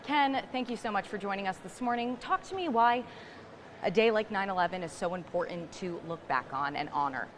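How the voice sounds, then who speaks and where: A woman's voice: medium pitch, lively intonation, brisk. Young woman reporting live, gym noise behind. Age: young adult. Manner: upbeat, talking while climbing a stair machine. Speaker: live field TV news reporter. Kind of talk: live on-location news interview and report. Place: indoor gym, on a stair climber. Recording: live gym floor with background machine noise.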